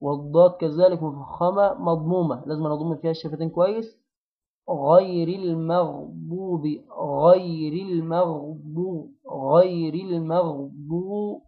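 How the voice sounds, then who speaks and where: A man with an Egyptian accent teaching the pronunciation of recitation, repeating words and syllables slowly to drill them. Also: fairly high pitch, muffled recording. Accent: Egyptian Arabic. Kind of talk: tajweed pronunciation lesson.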